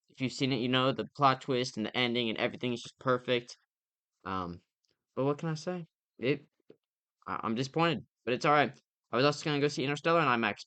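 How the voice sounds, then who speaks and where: A man's voice: medium pitch, fairly bright tone, no echo. A young man co-hosting a podcast, giving rambling, opinionated movie reviews in casual chat. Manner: rambling, opinionated, frequent fillers. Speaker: podcast co-host.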